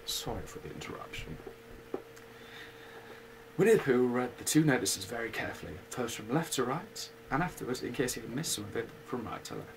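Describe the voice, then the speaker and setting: A man reading a bedtime story aloud at an unhurried pace, with casual asides. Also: medium pitch, lively intonation, background noise. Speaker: reader.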